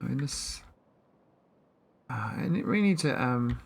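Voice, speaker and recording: A man chatting casually while streaming a game, rambling with many pauses and talking to his viewers. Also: mid-range voice, lively intonation, creaky, breathy edge. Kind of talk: casual live-stream chat.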